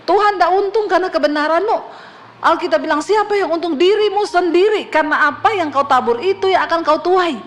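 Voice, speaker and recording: A woman's voice: very high voice, brisk. A middle-aged woman pastor preaching a sermon, telling stories quoted voices and humor, traces of speech.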